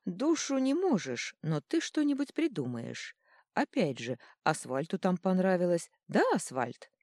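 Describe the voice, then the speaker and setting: A woman's voice: on the low side, very animated, a little slow, dark tone, no room sound, studio quality, pitched above the performer's own voice, exaggerated voice. A woman voicing a mischievous, smug little god of chaos who teases and purrs his lines. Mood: teasing. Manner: teasing, smug, purring. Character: mischievous invisible male chaos godling.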